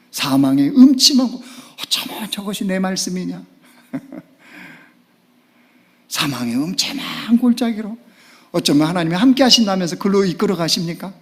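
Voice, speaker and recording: Man, pastor, high voice, Sunday sermon, emphatic, hushed to loud, church sanctuary. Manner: emphatic preaching that swings from hushed to loud exclamations.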